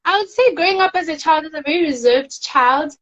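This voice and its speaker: A teenage girl from South Africa, a pageant winner appearing as a guest, chats casually in an interview. Her voice is high and soft-spoken, and she talks briskly, rambling through stories with plenty of fillers. The recording sounds muffled.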